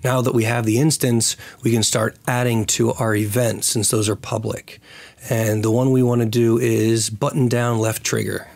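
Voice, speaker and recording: A man of medium pitch hosts a casual screen-recorded programming tutorial. His voice is raspy and full of creak, hoarse as if getting over a lost voice. He thinks aloud as he works. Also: little pitch movement, moderate pace, darkish tone, a little hiss or hum. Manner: thinks aloud while working. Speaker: tutorial host.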